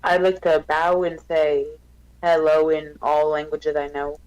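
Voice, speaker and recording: Player firing off quick game moves. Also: mid-range voice, little pitch movement, a little mellow, clean tone, rough recording. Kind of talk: tabletop game play.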